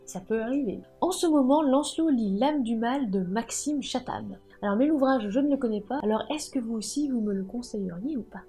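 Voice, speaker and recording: A woman with a fairly high voice that is mellow and a little husky, hosting a video about writing and books. She talks in a casual, chatty way, lively and quick to poke fun at herself. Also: faint music behind. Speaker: book and writing channel host.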